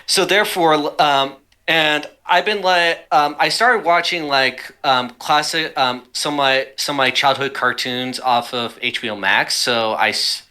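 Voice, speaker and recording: A young man talks through his thoughts in a loose, meandering way, circling back and restarting often. His voice is very bright and forward. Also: on the high side, a little slow, few pauses, clear, resonant tone. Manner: rambling, many fillers and restarts. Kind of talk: casual chat.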